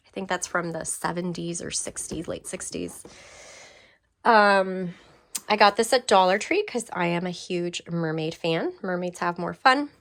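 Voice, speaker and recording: A woman's voice: fairly low pitch, a little slow, creaky, fairly bright tone. A young woman casually chatting through a tour of her craft room, enthusiastic and full of fillers and restarts. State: briefly out of breath. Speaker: craft vlogger.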